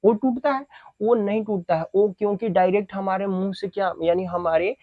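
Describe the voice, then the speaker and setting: A man's voice: sits high, fairly even intonation, moderate pace, dry recording, phone-quality sound. A male teacher giving a Hindi grammar lesson, who repeats each definition several times and asks and answers his own questions.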